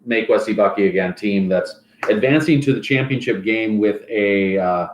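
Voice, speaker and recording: A man's voice: on the low side, normal speed. A man acting as a fantasy football league commissioner, reading stats and mock sponsor plugs in casual banter. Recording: roomy echoey room.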